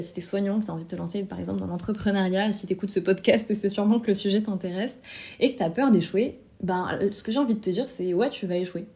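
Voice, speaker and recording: A young woman hosts a solo podcast, speaking casually and directly to one listener. Her voice sits at a middle pitch with a mellow, dark tone. She drops in the odd self-deprecating aside. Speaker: podcast host. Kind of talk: solo podcast advice talk.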